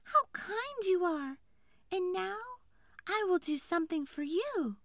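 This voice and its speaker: A tiny, timid tree fairy from a children's storybook, with a very high, thin, pleading voice. Her soft, slow words float far above an ordinary speaking voice. The sound is close and dry. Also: sing-song, no echo, full character voice. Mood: grateful.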